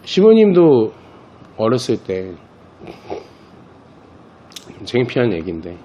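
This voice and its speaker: A priest teaching a children's catechism class eases into a story, speaking directly to the kids in a relaxed way. His voice is an ordinary male pitch at normal speed, and the recording sounds a bit dull and lo-fi.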